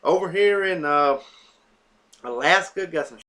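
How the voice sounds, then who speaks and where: A man's voice: a little high, animated, measured pace, pushed and bright. A man hosting a weather forecast, talking through maps off the cuff with many fillers and self-corrections as he runs down a list of places. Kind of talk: unscripted weather map walkthrough.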